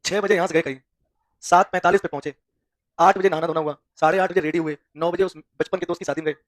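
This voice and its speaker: A man's voice: a little high, fairly even intonation, fast talker, no echo, studio quality. A male maths teacher leading a classroom lesson, firing call-and-response questions at his students and teasing them with folksy humor.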